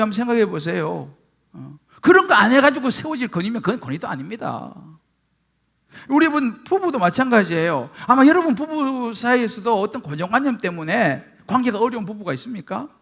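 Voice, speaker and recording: A man's voice: very high-pitched, creaky, slightly rough. A middle-aged man, a pastor preaching a sermon and acting out voices as he tells stories. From Gyeongsang region, Korea. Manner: animated storytelling, acting out quoted speech.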